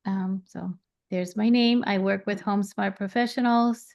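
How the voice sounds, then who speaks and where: Middle-aged woman from Puerto Rico, gravelly. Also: medium pitch, a little slow. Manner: relaxed, many ums. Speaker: realtor, webinar panelist. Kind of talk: self-introduction on a webinar.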